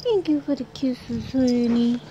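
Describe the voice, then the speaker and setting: A woman's voice: fairly high pitch, measured pace, highs cut off, background noise. A woman filming at home on a phone, talking doting baby talk to her puppy. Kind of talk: casual home video chat. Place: home bedroom.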